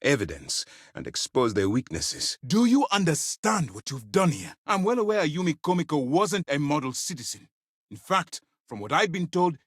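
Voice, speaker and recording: An actor playing a stern, principled space fleet commander in a video game, speaking formally and with authority. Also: male voice, lowish voice, husky, no room sound, clean studio sound. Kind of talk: scripted video game character dialogue.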